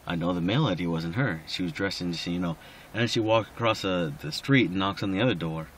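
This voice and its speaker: A man's voice: low voice, fairly quick, a bit bright, a little hiss or hum. A drunk man rambling casually in a personal recording, slightly slurring and losing his thread.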